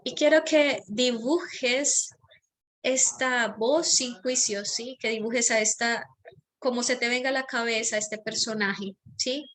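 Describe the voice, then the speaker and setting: A woman, a mentor leading an online masterclass, calmly guiding listeners through a reflection exercise and slowing down on repeated phrases. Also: fairly high pitch. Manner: calm, slows down on repeated phrases.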